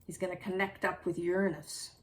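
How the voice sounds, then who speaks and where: A woman's voice: lowish voice, level tone, fairly quick. A woman giving a casual, reflective tarot reading, musing aloud and correcting herself as she goes. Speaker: tarot reader.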